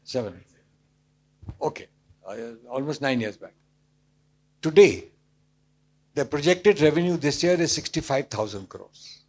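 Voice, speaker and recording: An older man from Calcutta with an Indian accent, explaining things emphatically in short measured phrases as an interview guest. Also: a little high, expressive. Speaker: interview guest, business executive.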